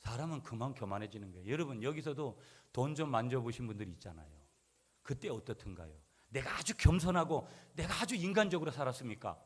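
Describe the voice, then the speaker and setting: A male pastor preaching a sermon, swinging between loud declarations and quiet asides and calling for responses from the congregation. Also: medium pitch, lively intonation, fast, slightly rough.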